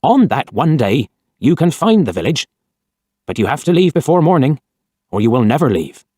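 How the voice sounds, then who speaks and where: A man voicing a wary, grave garage man in a storybook reading, telling a tale slowly and solemnly. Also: medium pitch, very animated, dark tone, dry recording, clean studio sound.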